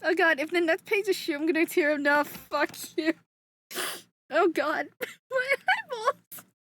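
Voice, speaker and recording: A young woman streaming casually, excitable, often gasping and laughing, and swearing freely. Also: sits high, normal speed, slight background noise.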